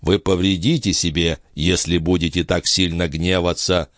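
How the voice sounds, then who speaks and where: A man voicing a loyal, humble male disciple who speaks in a low, subdued, respectful tone. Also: level tone, normal speed, dry recording, clean studio sound, close to an everyday voice. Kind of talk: audiobook character voice.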